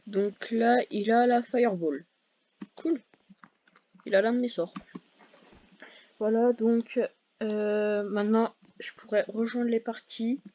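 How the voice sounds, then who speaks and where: A woman's voice: fairly high pitch, steady tone, slow, pauses often, warm tone, highs cut off. A woman giving casual, hesitant commentary over her gameplay, full of fillers and self-corrections. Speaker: gaming video creator.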